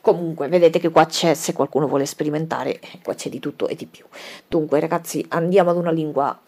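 A woman's voice: low voice, fairly even intonation, brisk, a little mellow. A woman giving a casual spoken tutorial to her viewers, chatty, thinking aloud and correcting herself as she goes. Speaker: tutorial presenter.

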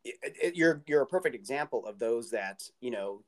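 A man's voice: mid-range voice, lively intonation, normal speed. A man hosting a podcast, talking with enthusiasm and rambling through his points. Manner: enthusiastic, rambling, restarts words. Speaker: podcast host. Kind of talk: casual interview talk.

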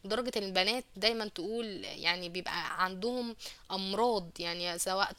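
A woman with an Egyptian Arabic accent hosting a radio advice show, explaining slowly through hesitant fillers and self-corrections. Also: medium pitch, a bit bright, clear, resonant tone, no room sound. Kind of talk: relationship advice talk show.

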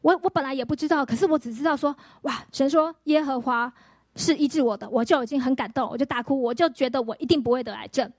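A woman pastor, giving a lively healing testimony sermon full of acted-out quotes and rhetorical questions. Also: sits high, fast talker, no room sound, studio quality.

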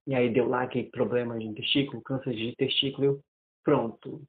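A man in his twenties telling a personal story in casual conversation, animated and often restarting his sentences. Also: mid-range voice, a little fast. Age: 20s. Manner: animated, acts out quoted dialogue, many restarts. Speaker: interviewee. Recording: tinny phone-like audio.

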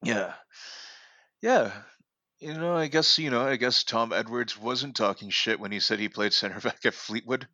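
On his home podcast microphone, a sports podcast co-host rambles casually, full of fillers and restarts. His mid-range voice has a sharp tone and moderate pace, and the recording is dry and muffled.

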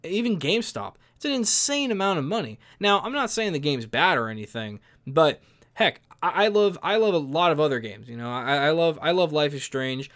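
A man's voice: a little high, expressive, brisk, fairly bright tone. Exasperated young man ranting. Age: young adult. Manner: opinionated and exasperated, with many restarts. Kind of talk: casual commentary.

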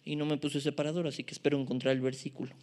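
A Mexican man delivers a sermon in a notably high-pitched voice. He speaks informally, teases himself, and keeps turning to the congregation with rhetorical questions. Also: level tone, rapid-fire, a little mellow. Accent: Mexican Spanish. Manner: informal and self-deprecating. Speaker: preacher.

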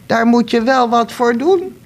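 Woman hosting a radio show, slow and cheerful, chatting in the studio. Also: fairly high pitch, lively intonation. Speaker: radio host.

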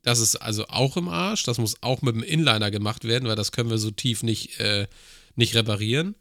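A man's voice: medium pitch, fairly quick, fairly bright tone, no room sound, studio quality. A man telling a long work story in casual podcast chat, with crude slang and acted-out dialogue. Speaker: podcast co-host.

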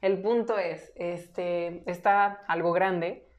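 A woman's voice: on the low side, fairly even intonation, slow pace, dull audio. A young woman with a Mexican accent, co-hosting a podcast in casual, unscripted chat full of informal slang. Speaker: podcast co-host.

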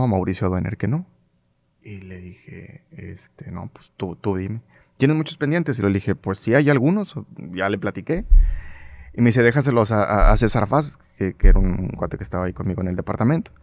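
A man's voice: fairly low pitch, fast talker, no echo, clean studio sound. A middle-aged man with a northern Mexican accent, a broadcast journalist casually telling stories in an interview and acting out the dialogue he quotes. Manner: animated anecdotal storyteller, acts out quoted dialogue, frequent fillers.

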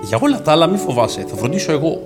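A man doing a sly scheming cat, high and wheedling. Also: big pitch swings, over music. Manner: high wheedling servile pleading.

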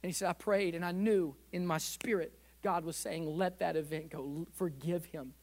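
Pastor, male, higher-pitched voice, preaching storytelling sermon with fervent prayer, church sanctuary. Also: fairly even intonation, normal speed, darkish tone.

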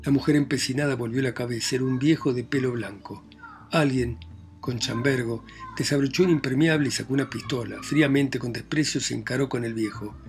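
A man reading a novel aloud as narrator, in a plain, measured telling that lifts his pitch and volume when voicing characters. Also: fairly even intonation, soft background music. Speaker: audiobook narrator.

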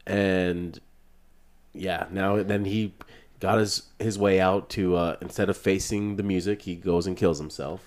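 A man's voice: deep voice, fairly even intonation, measured pace, darkish tone. A man co-hosting a podcast in casual chat, speaking in a blunt, matter-of-fact way. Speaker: podcast co-host.

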